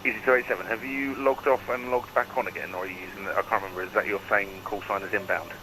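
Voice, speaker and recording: A man's voice: fairly low pitch, fairly even intonation, fast talker, pushed and bright, low-quality recording. A man working as an air traffic controller, giving procedural instructions over the radio. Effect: radio transmission. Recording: radio transmission with faint noise.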